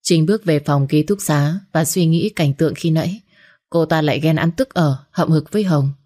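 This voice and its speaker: Low-voiced woman narrating a story. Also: normal speed, warm tone. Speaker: narrator voicing all characters.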